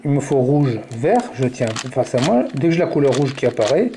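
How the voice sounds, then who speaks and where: A man's voice: medium pitch, very animated, brisk, dark tone, slight background noise. A man giving a step-by-step puzzle tutorial, muttering the colors and moves aloud as he works.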